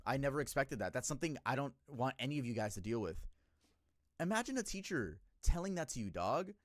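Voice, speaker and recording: A young man in his twenties talks to his stream chat in a lively, swooping voice, bursting loud and then dropping to a mutter. His talk is casual and full of swearing. The sound is close and dry, with no room around it. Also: a little fast, no room sound. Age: 20s. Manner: animated, emotional, profane, swings between loud outbursts and low muttering. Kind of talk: casual livestream storytelling to chat.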